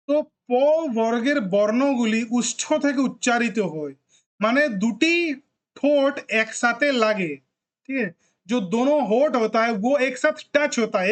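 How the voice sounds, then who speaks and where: Patient teacher drilling letter sounds. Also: mid-range voice. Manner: drills sounds one by one with frequent check-ins. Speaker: language teacher. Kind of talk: classroom lesson.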